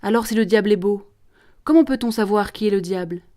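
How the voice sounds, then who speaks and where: A woman's voice: medium pitch, a little fast, warm tone, lightly acted. A woman voicing an earnest, devout young peasant girl in a read-aloud play. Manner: earnest, pleading.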